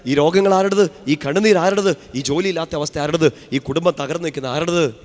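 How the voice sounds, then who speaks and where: A fairly high-voiced male priest preaches a fervent retreat sermon, sinking to near-whispers and then rising to loud calls for the crowd to answer. His voice rings out with a long hall reverb. He has a touch of a sore throat. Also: a little fast. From Kerala, India. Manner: swings from hushed to loud calls, leads congregation in responses.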